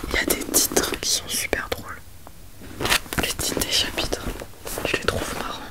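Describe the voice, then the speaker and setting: A young adult woman chatting informally about books in a soft, breathy library whisper for ASMR, hesitant and often trailing off mid-phrase. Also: normal speed, rough recording. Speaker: ASMR book reviewer. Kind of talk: whispered ASMR book chat.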